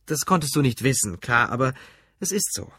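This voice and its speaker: A bellowing, hot-tempered husband yelling at his family in an audiobook, as a man puts him on, pitched up well above a normal speaking voice. The voice is husky and dry, with no room sound. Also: animated, a little fast, no room sound. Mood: defensive. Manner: loud and blustering. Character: irritable grown man, shouting at family.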